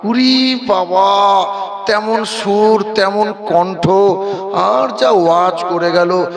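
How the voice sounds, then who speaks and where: A man's voice: high voice, slow, vocal fry, crowd noise. A man with a Bardhaman Bengali accent giving a waz sermon, moving between sing-song preaching, jokes and questions thrown at the audience. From Bardhaman, West Bengal. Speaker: Islamic preacher.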